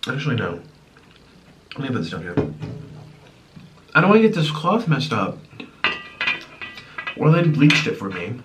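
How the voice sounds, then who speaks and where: A mukbang host in his twenties, born in Ukraine and raised in the US, chats and rambles while eating on camera at home. His medium-pitched voice swings widely, at normal speed with frequent pauses, picked up by a slightly distant mic with faint room noise.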